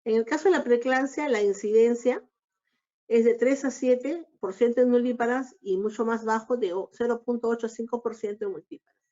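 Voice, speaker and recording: A woman giving a recorded obstetrics lecture, explaining each slide in a measured way. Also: fairly high pitch, mellow. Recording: dull lo-fi lecture audio.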